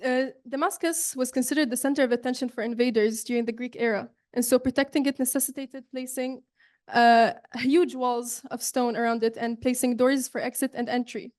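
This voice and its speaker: A young woman from Saudi Arabia delivers an earnest student presentation in a fairly high voice. She talks with frequent fillers and restarts. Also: fairly even intonation, a little fast, a little mellow. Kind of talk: presentation talk.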